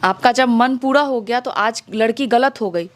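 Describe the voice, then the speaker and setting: In conversational interview testimony, a woman with a Bihari accent challenges her listeners with rhetorical questions, her tone indignant. Her voice sits a little high and runs at normal speed.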